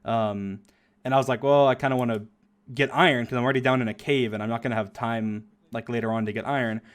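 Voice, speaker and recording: A young man rambles casually over his own gameplay video while streaming, laughing a lot and leaning on fillers. His medium-pitched voice is flat in delivery and fast.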